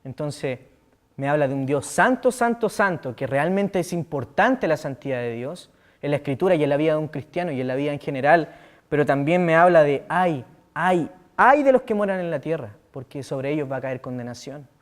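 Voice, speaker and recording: High-voiced Chilean man preaching animatedly. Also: brisk. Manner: animated, acts out quotes with sudden loud outbursts and quiet asides. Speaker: youth leader preaching. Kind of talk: sermon.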